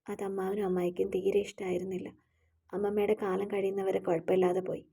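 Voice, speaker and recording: Woman doing a shy sad young girl, quiet, dark mellow voice. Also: mid-range voice, flat delivery, fast talker, vocal fry, slightly rough.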